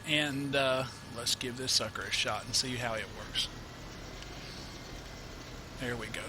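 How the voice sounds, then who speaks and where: A gameplay tutorial host with a cold offers casual let's-play commentary on a farming game, sniffling occasionally. His medium-pitched, mid-range voice moves at a measured pace, loose and rambling, with frequent "uh" fillers and self-corrections. A constant hiss from his home desk mic runs underneath.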